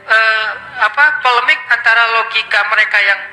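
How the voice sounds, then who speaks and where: A male preacher tells a story to his congregation in loose, chatty speech, often pausing on filler words. His voice is very bright and sharp. It rings around a large reverberant hall, with faint music underneath. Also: sits high. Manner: relaxed colloquial talk with filler words and mixed-in English. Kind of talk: casual storytelling sermon.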